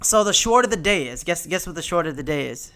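A boisterous man hosting a party podcast as its hype man. His voice is clear and smooth, and he talks in hyped slang, often repeating himself and swearing freely. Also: on the high side, animated, fast, sharp tone.

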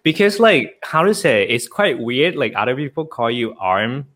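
A male podcast guest from Thailand, a Thai teacher and translator, chats casually in non-native English with a Thai accent. He is halting and hesitant, searching for words and often saying "how to say." His voice is medium-pitched, expressive, and fairly bright.

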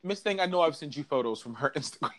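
A man chatting as co-host of a fashion review in a sassy, campy drag-queen style, animated and giggly. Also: fairly high pitch, fast talker. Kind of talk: casual chat, commentary.

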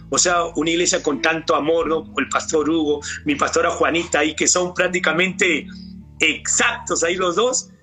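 Earnest Peruvian man with a bright voice. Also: a little high. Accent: Peruvian Spanish. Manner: earnest, keeps addressing the pastor. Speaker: church cell leader giving testimony. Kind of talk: personal faith testimony. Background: soft guitar music.

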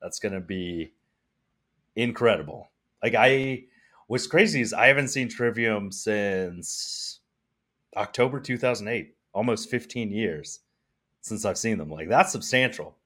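Low-voiced, rambling male podcast co-host. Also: measured pace. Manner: relaxed, rambling with many "like" fillers. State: exhausted. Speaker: podcast co-host reviewing music. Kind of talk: casual chat.

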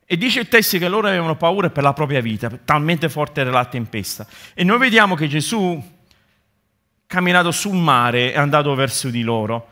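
A man preaching a sermon to his congregation, his tone bright and forceful. He builds momentum through repetition and slips in friendly asides to the listeners. His voice sits slightly above the usual pitch for a man. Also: animated, moderate pace. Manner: impassioned preaching with repeated rhetorical build-ups; addresses the congregation directly with asides. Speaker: pastor.

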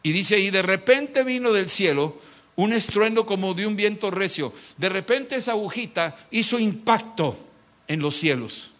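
A middle-aged pastor, preaching a dramatic sermon and acting out mocking voices. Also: male voice, high-pitched, expressive, normal speed, fairly bright tone.

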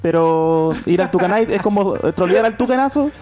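A man's voice: high voice, lively intonation, moderate pace, a little mellow, faint music behind. A man with a Chilean accent in a casual podcast chat, throwing in dry, joking remarks. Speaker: podcast co-host.

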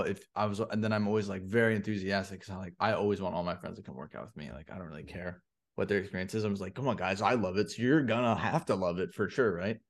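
A man's voice: on the low side, darkish tone. A young man co-hosting a podcast in casual chat, laughing often and acting out his friends' voices. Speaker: podcast co-host.

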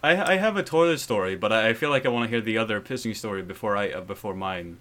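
A man's voice: on the low side, lively intonation, fast, sharp tone. A young man co-hosting a podcast, chatting casually in a hesitant, stammering way. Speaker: podcast co-host. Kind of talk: casual chat.

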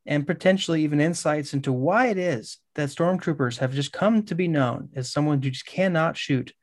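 A man's voice: a little high, normal speed, no echo. A man hosting a podcast interview in a friendly, casual way who laughs easily. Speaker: podcast host.

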